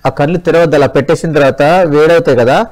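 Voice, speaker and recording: Doctor guy on a phone-in show, slightly high voice, patient and step by step. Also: fast talker, a little mellow. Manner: patient, step-by-step instructing, calls callers mother. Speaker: doctor giving advice to callers. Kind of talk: phone-in health advice.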